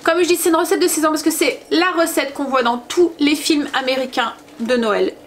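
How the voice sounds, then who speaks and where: A high-pitched woman talks casually to the camera as a family vlogger and mum. She rambles and hesitates as she goes, set in a home kitchen with a faint hiss behind her. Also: moderate pace. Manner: rambling, chatty, full of hesitations.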